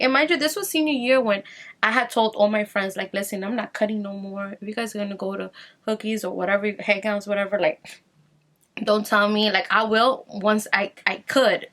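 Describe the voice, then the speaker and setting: A young woman vlogger chatting casually through a personal story while doing her makeup, full of fillers and asides, dropping quieter as she concentrates. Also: a little high. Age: young adult. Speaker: beauty vlogger.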